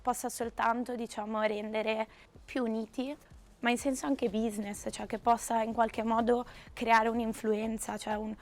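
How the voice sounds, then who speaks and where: A woman talking reflectively in an interview, hoarse, with her voice giving out from shouting. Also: fairly high pitch, little pitch movement, moderate pace.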